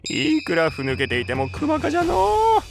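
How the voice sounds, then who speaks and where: A creaky, smug old god. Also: male voice, a little high, wildly swooping pitch, over music, heavily acted. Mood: smug teasing. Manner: archaic old-man speech with drawn-out chuckles. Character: old bearded god of another world, smug and teasing. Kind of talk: animated comedy acting.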